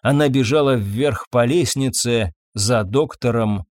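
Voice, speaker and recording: A man narrating a story in a measured, even audiobook reading. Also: mid-range voice, no echo.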